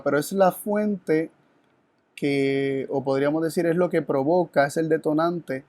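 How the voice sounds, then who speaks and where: A man's voice: on the high side, darkish tone, dry recording. A man presenting a Bible study, teaching in an earnest, reflective way and asking rhetorical questions. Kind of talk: teaching sermon.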